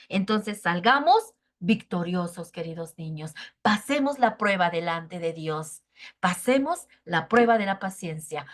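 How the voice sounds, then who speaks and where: A woman giving a children's Bible lesson, earnest and often checking in with the children through short tag questions. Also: medium pitch. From Mexico.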